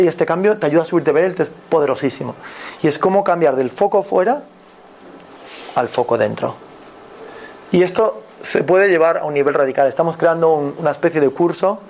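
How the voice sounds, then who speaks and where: A man with a Spanish accent from Spain gives a motivational talk as a personal growth mentor. His voice sits a little high, and he is animated and repetitive, often checking in with his listeners.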